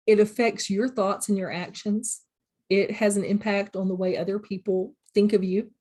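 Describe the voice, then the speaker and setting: A middle-aged woman with a mid-range, dark-toned voice teaches college in a recorded lecture. Her approach is plain and practical, drawing on examples from her own classroom.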